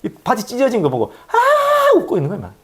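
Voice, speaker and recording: Husky-voiced male pastor preaching. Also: high voice, very animated, racing. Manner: storytelling, swings from hushed to loud. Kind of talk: sermon.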